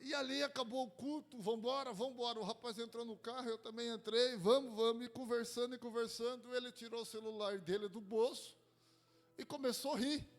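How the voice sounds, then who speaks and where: A man's voice: very high-pitched, steady tone, fairly quick. A man from Brazil, a pastor, preaching a sermon and telling a personal testimony, repeating phrases for emphasis.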